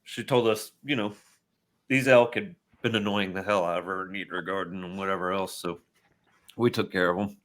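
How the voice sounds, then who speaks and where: A man's voice: sits low, fairly quick. A man running a tabletop role-playing game as game master, narrating with many fillers. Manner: relaxed, filler-heavy narration.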